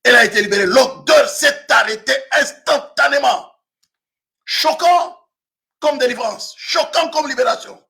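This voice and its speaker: A man in his fifties, a pastor from Africa, preaching a sermon with frequent shouted emphasis. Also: very high voice, unhurried, vocal fry. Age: 50s.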